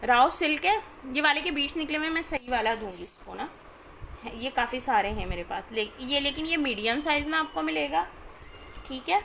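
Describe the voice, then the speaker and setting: Woman, high creaky voice, informal live sales chat, checks in with listeners, noisy recording. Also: moderate pace, sharp tone. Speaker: live online clothing seller. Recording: clearly noisy background.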